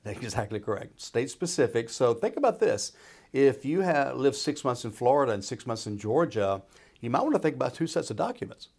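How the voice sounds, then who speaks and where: A man's voice: mid-range voice, big pitch swings, brisk, gravelly, darkish tone, slightly rough. A man speaking as a financial expert, explaining in an informal, folksy way and checking in as he goes. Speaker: retirement planner and radio show expert. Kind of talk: conversational explaining.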